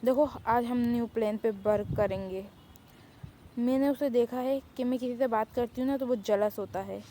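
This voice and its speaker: A woman's voice: a little high, moderate pace, warm tone, slight background noise, close to an everyday voice. A woman voicing a cheeky, boastful young woman who loves to pester everyone. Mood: teasing. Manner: brash, teasing, boastful.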